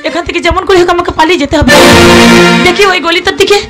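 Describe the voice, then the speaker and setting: A young village heroine with an extremely high voice and quick delivery. She is distressed yet crafty, emphatic and repetitive in folk stage melodrama, over very loud music. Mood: desperate. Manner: theatrical, emphatic, repeating phrases. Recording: very loud live musical accompaniment.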